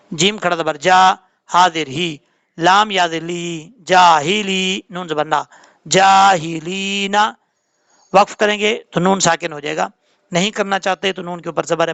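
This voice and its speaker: A man teaching Quran recitation rules in a tajweed lesson, spelling out letters and then reciting them slowly and drawn out. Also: high-pitched, creaky, a bit bright, no room sound. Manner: patient, drawn-out chanted recitation between quick explanations.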